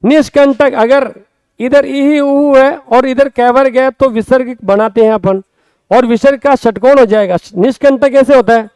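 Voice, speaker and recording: A very high-voiced man with a smooth, resonant, slightly mellow tone gives a Hindi grammar class in a Rajasthani accent. He spells words slowly, repeats them, and frequently checks in with the students through quick questions. The recording is close-miked and dry, free of room sound.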